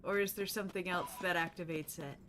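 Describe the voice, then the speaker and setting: A woman's voice: fairly low pitch, steady tone, fairly quick, fairly bright tone, slight background noise. A woman streaming a game in a casual, playful and silly way, chatting with her viewers and the characters on screen. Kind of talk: casual gameplay livestream chat.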